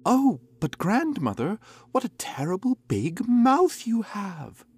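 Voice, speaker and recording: A man's voice: sing-song, a little slow, no echo. A man voicing a trusting, innocent young girl in a storybook reading, in a raised, eager voice. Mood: uneasy. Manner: high, bright and eager.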